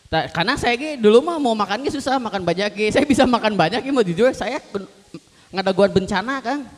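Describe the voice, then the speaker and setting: A man's voice: high-pitched, animated, a little fast. A man from West Java with a Sundanese accent and a lisp that blurs his r, telling jokey, self-deprecating stories in a casual interview. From West Java, Indonesia. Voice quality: lisp, cannot pronounce r clearly. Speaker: stand-up comedian guest. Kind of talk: casual comedic interview chat. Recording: long hall-like reverb.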